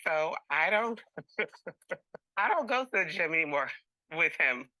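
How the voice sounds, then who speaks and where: A woman with a very bright, forceful voice, slightly low for a woman, makes her complaint as a TV court litigant. She sounds exasperated and aggrieved, hammering points by repeating them, with a close, dry sound. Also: animated, takes it slowly, no room sound, rough recording.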